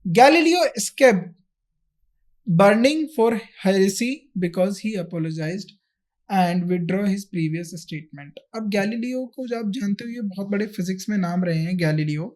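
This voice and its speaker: A man with a high-pitched, slightly mellow voice and lively intonation takes his time as he teaches. An English grammar teacher for exam candidates with an Indian accent, he explains step by step using repetition and rhetorical questions, switching between Hindi and English throughout.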